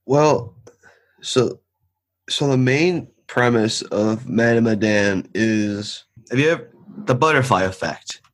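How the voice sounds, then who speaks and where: A man's voice: mid-range voice, slow pace. A young man co-hosting a podcast, explaining a game's premise in an easygoing way with some restarts. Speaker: podcast co-host. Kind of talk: casual game review chat.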